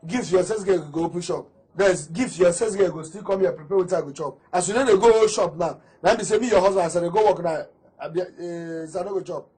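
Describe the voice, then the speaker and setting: A man's voice: fairly high pitch, fairly even intonation, a little fast, dark tone, breathy edge. A man with a Nigerian accent playing a cranky husband in a film drama, complaining as he talks. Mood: grumbling. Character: grumbling hungry husband, cranky. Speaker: film actor.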